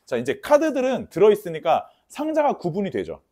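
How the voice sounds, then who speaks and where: A male math teacher lecturing with a voice that swoops all over, up and down. He leans on his warnings, repeats them, and keeps checking that the class follows. His polite classroom speech slips into rough, blunt slang. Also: high voice, wildly swooping pitch, brisk, mellow. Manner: repeats key warnings, asks students for confirmation. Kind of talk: lecture to students.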